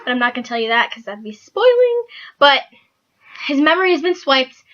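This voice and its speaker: A woman's voice: high voice, very animated, a little fast, fairly bright tone. A young woman chatting casually through a book review, rambling with lots of filler words. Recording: dull lo-fi recording.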